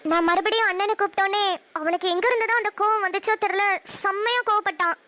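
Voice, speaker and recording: A woman's voice: very high voice, steady tone, quick pace, sharp tone. A woman with a Namakkal Tamil accent narrating a cartoon story in the first person, chatty and blunt. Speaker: narrator and voice actor.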